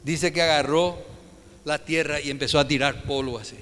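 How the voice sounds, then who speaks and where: A man preaching a Sunday sermon as pastor, animated and keeps putting rhetorical questions to his congregation. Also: on the high side, moderate pace, in a large hall. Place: church hall.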